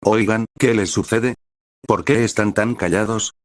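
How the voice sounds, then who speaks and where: A man voicing a calm, direct teenage boy ninja hero in a fan-fiction reading. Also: on the low side, a little slow, no echo, studio quality, natural voice. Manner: calm, steady, matter-of-fact.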